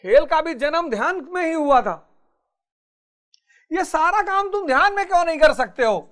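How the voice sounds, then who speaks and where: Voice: extremely high pitch, lively intonation, normal speed, a bit bright. A spiritual teacher giving a motivational talk, urging listeners on and repeating key phrases.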